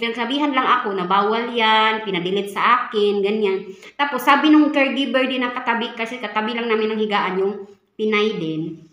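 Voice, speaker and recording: A woman's voice: a little high, fairly bright tone. A young Filipina woman, a caretaker, telling a story in a casual vlog, chatty and full of fillers, often speaking to her viewers. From Philippines. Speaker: caretaker for an elderly woman in Taiwan. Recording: echoey room.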